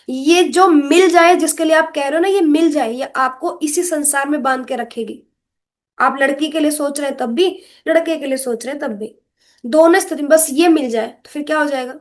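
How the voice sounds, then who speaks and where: Earnest woman teacher with a high voice, lecturing on scripture and chanting verses slowly. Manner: earnest, explanatory, asks rhetorical questions. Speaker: spiritual teacher.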